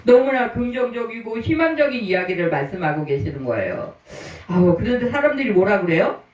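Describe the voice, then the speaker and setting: A man's voice: high voice, sing-song, a little fast, highs cut off. Man preaching in an echoey church. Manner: storytelling preaching, rhetorical questions to the congregation. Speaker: pastor. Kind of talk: sermon. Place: church sanctuary. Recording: roomy church, mic at a distance.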